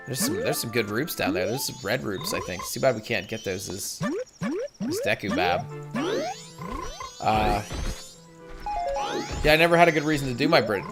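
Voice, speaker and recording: A man giving casual, rambling and self-deprecating commentary while streaming a game. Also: fairly low pitch. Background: game music.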